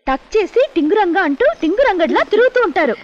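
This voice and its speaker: A woman's voice: very high-pitched, big pitch swings, quick pace, dull audio. An actress playing a chatty, teasing young girl in a film scene.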